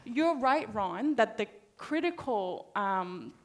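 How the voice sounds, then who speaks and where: A woman's voice: on the high side, expressive, slow pace. A woman from Thailand speaking as a panelist, talking conversationally and often checking in with "right?". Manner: conversational, frequent "right?" tags. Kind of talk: panel discussion talk.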